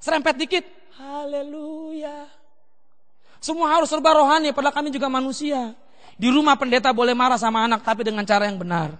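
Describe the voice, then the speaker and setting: High, bright-voiced man preaching in a hall. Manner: lively, acts out children and parents in quick voices. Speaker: pastor. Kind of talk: seminar sermon.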